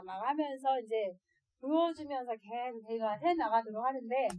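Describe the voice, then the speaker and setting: A woman speaking as an adoptive mother to other parents, telling stories in a lively way and often laughing. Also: a little high. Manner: lively, acts out quoted voices and laughs often. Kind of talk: storytelling lecture to parents.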